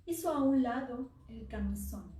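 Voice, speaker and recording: A woman storyteller tells a dark tale slowly, sinking at times to a hush. Her voice sits a little high and echoes through a theater from some way off the mic. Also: animated, distant mic. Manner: slow, dramatic, dropping to near-whispers. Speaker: oral storyteller. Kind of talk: dramatic live story narration. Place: theater stage.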